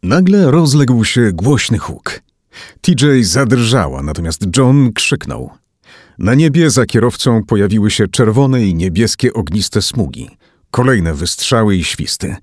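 A man reading a thriller audiobook aloud as narrator, in an expressive, dramatic manner. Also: fairly low pitch, measured pace, no room sound, clean studio sound. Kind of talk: scripted narration.

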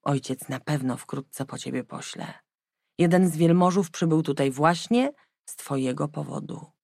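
Brief: woman reader as a steady noble mother, measured and firm, low gravelly tone, dry close sound. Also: dry recording. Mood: calm. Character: composed middle-aged queen mother. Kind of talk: audiobook character voice.

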